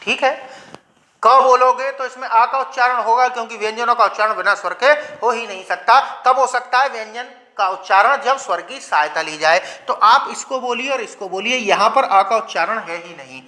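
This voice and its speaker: Guy teaching grammar, bright voice, asks q's n answers them himself. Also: very high-pitched, normal speed. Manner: leads pronunciation drills. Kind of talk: classroom-style lecture.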